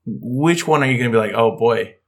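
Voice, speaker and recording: A young American man from Denver hosting a casual podcast, playful and animated, often laughing as he talks. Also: medium pitch, a little fast. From Denver, Colorado, USA. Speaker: podcast host.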